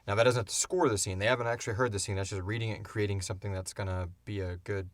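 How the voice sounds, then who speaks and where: In his thirties, this podcast host and audio drama creator chats casually about making an audio show, telling stories and fielding questions in an animated, informal way. His voice sits on the low side and comes rapid-fire, with wheezy breathing and no echo. He acts out sounds and swears casually as he goes.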